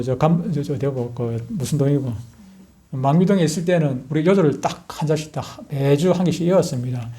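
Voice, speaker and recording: A middle-aged man, a pastor preaching a sermon and telling stories animatedly. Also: a little high. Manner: animated storytelling, acting out scenes with loud outbursts. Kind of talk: sermon with personal storytelling.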